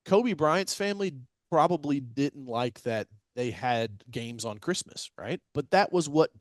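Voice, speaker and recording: A man's voice: mid-range voice, animated, a little slow, no room sound. A male podcast host who talks in a loose, rambling, conversational way. His voice sits in a middle register and is recorded close and dry, with no room sound around it. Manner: chatty, loose, many fillers and restarts. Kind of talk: casual interview chat.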